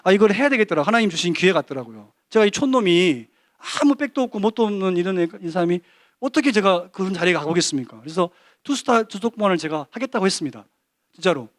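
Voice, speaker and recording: A man giving a lively testimony at a church service, telling an animated story full of quoted dialogue. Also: sits high, quick pace, no room sound, clean studio sound. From Korea.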